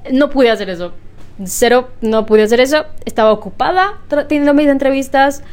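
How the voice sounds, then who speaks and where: Chatty young woman, slightly hoarse. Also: sits high, very animated, normal speed, darkish tone. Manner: chatty, laughs often, clears throat. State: slightly hoarse after illness. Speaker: vlogger. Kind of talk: casual chat to camera. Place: home room. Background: washing machine.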